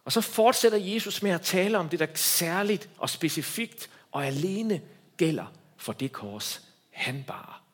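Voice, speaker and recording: A man preaching a sermon as a pastor, swinging between loud emphatic lines and hushed quiet ones. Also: high-pitched, animated, slightly rough.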